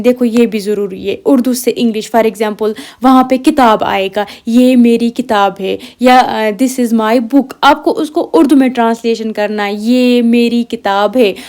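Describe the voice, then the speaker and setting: A young woman with a slightly high voice gives an exam-preparation lesson. She spells words out letter by letter, repeats them patiently and slips English words into her explanations. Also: a little mellow. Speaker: Urdu language teacher.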